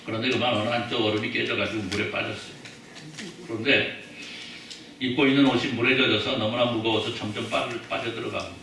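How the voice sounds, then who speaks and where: A man's voice: medium pitch, sharp tone, a little hiss or hum. A male pastor preaching a sermon in a chatty, joking way, often putting questions to the congregation. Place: church sanctuary. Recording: echoey church hall, mic at a distance.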